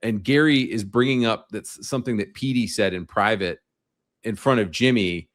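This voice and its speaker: A man with a fairly low voice co-hosts a casual podcast. He speaks bluntly and firmly, often chiming in with quick agreement. The recording is dry and close-miked. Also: dry recording. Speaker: podcast co-host.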